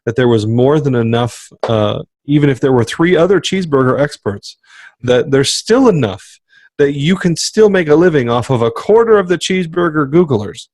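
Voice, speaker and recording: A man's voice: mid-range voice, expressive, moderate pace, darkish tone, no room sound. Emphatic man, dry close mic. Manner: emphatic, repeats his points, motivational. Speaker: podcast co-host. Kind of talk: casual podcast chat.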